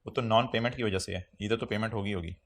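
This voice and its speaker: A man's voice: on the low side, fairly even intonation, quick pace, a bit bright. A man with a Pakistani Urdu accent giving a tax lecture to a class, teasing students, quizzing them and mixing English phrases into his Urdu.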